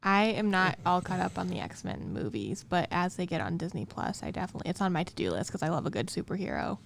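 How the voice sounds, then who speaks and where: A woman's voice: fairly low pitch, sing-song, fast talker, vocal fry, a little hiss or hum. A woman co-hosting a podcast in casual chat, chatty and using "like" a lot. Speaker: podcast co-host.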